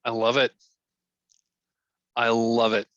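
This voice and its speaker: A man running a tabletop game as game master, relaxed and a little hesitant. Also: medium pitch, takes it slowly, no room sound, highs cut off.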